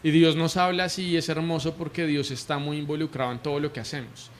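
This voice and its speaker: A man's voice: on the high side, little pitch movement, fast, slight background noise. Earnest man telling his testimony. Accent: Colombian Spanish. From Colombia. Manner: earnest, emotional storytelling with restarts. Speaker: prophet, interview guest. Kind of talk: conversational testimony.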